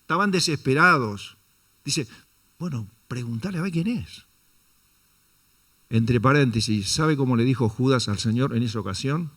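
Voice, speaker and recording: Un predicador con acento da su sermón dominical con voz de tono medio. Lanza preguntas retóricas a la congregación y se dirige a ella como "hermano". Cambia la entonación para dramatizar las frases que cita. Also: male voice, mid-range voice, expressive, normal speed, pauses often, fairly bright tone. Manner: rhetorical questions, addresses the congregation as brother; dramatizes quotes with shifting intonation. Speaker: pastor. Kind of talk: sermon.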